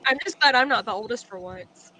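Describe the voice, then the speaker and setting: A woman's voice: on the high side, fairly quick, sharp tone, a little hiss or hum, rough recording. A woman bantering casually as a member of a panel.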